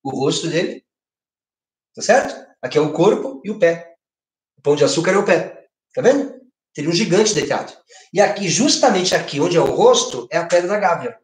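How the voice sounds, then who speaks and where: A middle-aged man with a Brazilian Portuguese accent teaches an online exam-prep literature lesson from his home living room, with a screen projected behind him. His fairly high voice moves a little fast and echoes in the room. He's lively, gesturing as he talks and constantly checking in with tag questions.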